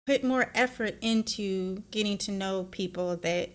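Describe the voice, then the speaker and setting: A woman's voice: mid-range voice, a little slow. A woman hosting a reaction video, giving blunt, opinionated commentary that often turns into a lecture. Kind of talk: casual commentary.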